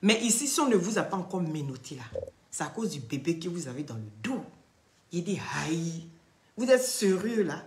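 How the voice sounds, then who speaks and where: A young woman tells a story on a phone live stream and acts out every voice in it. Her pitch sits low but swings widely. The sound rings in an echoey room. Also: normal speed, noisy background. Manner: animated, acts out the dialogue, checks in with "d'accord?".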